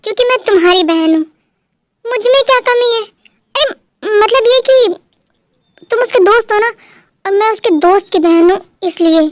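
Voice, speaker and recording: High-voiced dubber doing a stubborn proud elder sister. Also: female voice, lively intonation, moderate pace, pauses often, no echo. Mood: defensive. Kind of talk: fan dub drama.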